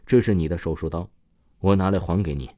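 A man voicing a vengeful skinless male ghost who taunts in a slow, low, menacing way. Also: warm tone, dry recording, studio quality, natural voice.

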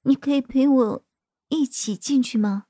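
A woman storyteller voicing a timid, frightened young woman who speaks softly and hesitantly, pleading. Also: sits high, unhurried, dry recording, studio quality.

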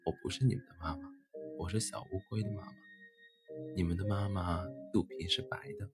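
A good-natured mother turtle answers quickly and with amusement, voiced by a man reading a story. The low voice comes with music playing behind it. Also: steady tone, lightly acted. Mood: amused.

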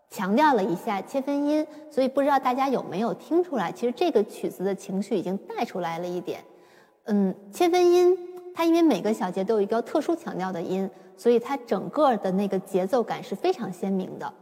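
A woman giving a patient, step-by-step piano lesson, explaining slowly with occasional fillers. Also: fairly high pitch, darkish tone. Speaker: piano teacher. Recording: long reverb with piano. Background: piano played at times.

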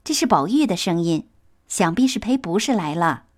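Brief: chatty teasing maid, bright lilting delivery, read by a woman. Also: fairly low pitch, sing-song, moderate pace. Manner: teasing, cheerful. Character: teasing young maidservant, lively and chatty.

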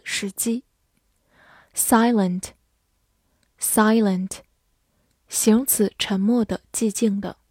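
A woman teaching an English vocabulary lesson, reading each word slowly and carefully, then explaining it. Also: mid-range voice, a little mellow, slightly rough, dry recording, studio quality.

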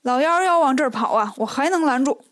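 A woman voicing a relaxed male pig-demon pilgrim in a spoken storybook tale. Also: high-pitched, fast talker. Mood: easygoing.

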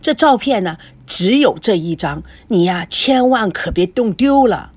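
A woman reading an audiobook, voicing an earnest old grandfather in a lowered voice. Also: expressive, unhurried, a little mellow, husky, dry recording. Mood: gentle.

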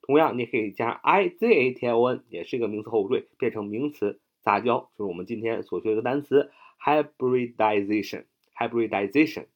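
The recording sounds lo-fi as a man with a mid-range voice talks briskly with few pauses. He spells English vocabulary letter by letter and explains it with memory tricks, staying chatty and animated with many "啊" fillers.

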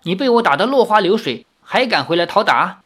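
The narrator voicing a haughty, fiery young swordswoman in an audiobook, with a shrill, imperious, quick-tempered manner. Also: sing-song, a bit bright. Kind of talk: audiobook character voice.

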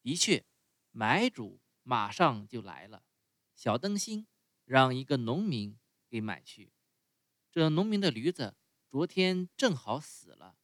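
A man reading a children's storybook aloud as a parent, expressive and speaking directly to the kids. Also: mid-range voice, slow pace, dry recording.

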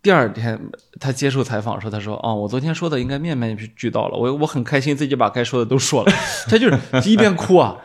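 Husky man telling a story. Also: mid-range voice, expressive, quick pace, few pauses. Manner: storytelling with frequent fillers and laughs. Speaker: tennis fan guest. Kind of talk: casual podcast chat.

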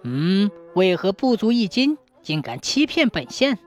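A man's voice: sits high, very animated, unhurried, faint music behind. A woman voicing a stern, shrewd county magistrate who barks his commands. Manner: barking, commanding.

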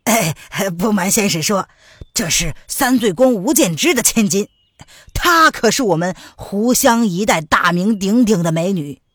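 A woman's voice: mid-range voice, expressive, measured pace, a bit bright, breathy edge, no echo, studio quality. A woman voicing a fawning, cowardly male gang boss who stammers and grovels.

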